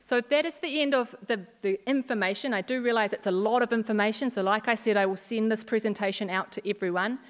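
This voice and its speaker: A woman school coordinator, explaining a program to parents and students in a measured way. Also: a little high. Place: school hall. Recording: long hall reverb.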